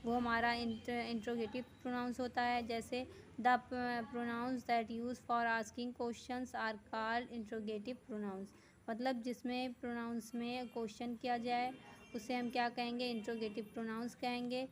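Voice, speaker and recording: A woman teacher giving a grammar lesson, reading definitions slowly word by word, then explaining them quickly. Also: a little high, little pitch movement, slight background noise, poor audio. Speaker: school teacher.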